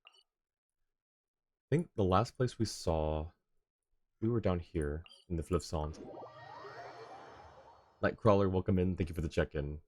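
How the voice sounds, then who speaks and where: Speaking slowly with frequent pauses, this man has a deep, slightly mellow voice as he hosts a game livestream, chatting and thinking aloud in a rambling manner. Game music and character voices sit behind him, along with slight background noise.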